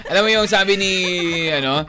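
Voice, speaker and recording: A man's voice: sits high, fairly quick, over music. Teasing Filipino radio DJ man. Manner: teasing, laughs often, switches between Tagalog and English. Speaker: radio DJ co-host. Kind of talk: casual radio banter.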